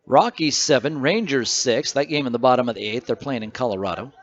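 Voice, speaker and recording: A man announcing a baseball game play-by-play, reading stats and scores between pitches in a conversational way. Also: fairly quick, highs cut off. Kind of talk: radio baseball commentary.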